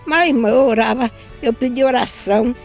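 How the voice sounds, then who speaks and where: A woman's voice: fairly high pitch, moderate pace, soft background music. An older woman from northeastern Brazil giving an emotional religious testimony about her son, often repeating herself and quoting others.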